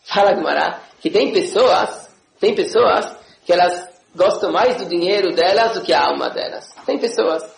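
High, gravelly-voiced man teaching. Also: normal speed, echoey room, a little hiss or hum, rough recording. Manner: animated, often checks in with listeners. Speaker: religious teacher. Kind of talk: classroom Torah lesson.

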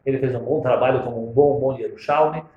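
A man giving a storytelling sermon, animated and acting out the dialogue. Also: medium pitch, fast, phone-quality sound. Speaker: religious speaker. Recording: roomy echo.

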